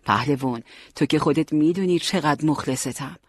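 A man voicing a brave, witty young male fighter who jokes and speaks earnestly, with a husky voice. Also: on the high side, no room sound, clean studio sound. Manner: joking, earnest.

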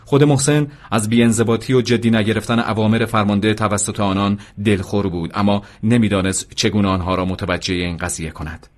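A man reading an audiobook chapter in a calm, even storytelling manner. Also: on the low side, few pauses. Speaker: audiobook narrator. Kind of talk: scripted narration.

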